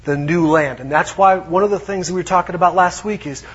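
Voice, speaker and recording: A man preaching a sermon in a conversational way, dropping to hushed tones for emphasis. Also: high voice, a little fast, breathy edge, lo-fi sound. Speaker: pastor.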